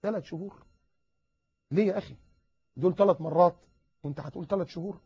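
Rapid-fire husky Egyptian preacher. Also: male voice, high voice, no echo. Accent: Egyptian Arabic. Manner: animated, acts out dialogues, rapid repetitions. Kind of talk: religious advice lecture. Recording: dull lo-fi recording.

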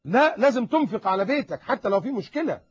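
A man with an Egyptian accent giving a lively religious advice lecture, talking animatedly and acting out little dialogues. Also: extremely high pitch, breathy edge. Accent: Egyptian Arabic. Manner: animated, acts out dialogues, rapid repetitions. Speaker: preacher. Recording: dull lo-fi recording.

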